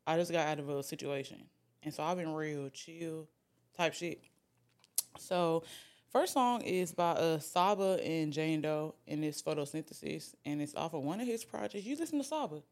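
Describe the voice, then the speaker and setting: A woman's voice: low voice, lively intonation, normal speed, darkish tone. A young woman hosting a podcast, chatting casually, swearing and laughing a lot. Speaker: podcast host. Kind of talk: casual chat.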